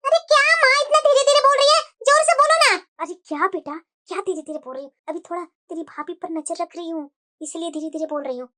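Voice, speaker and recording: A woman's voice: extremely high pitch, flat delivery, fast talker, hardly any pauses, bright, forceful tone. A woman voicing a suspicious, grumbling older mother-in-law in a cartoon moral story. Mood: hushed.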